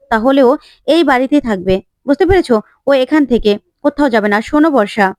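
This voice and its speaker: Casting: woman playing a protective middle-aged mother, firm and warm-hearted. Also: high voice, dry recording, close to an everyday voice.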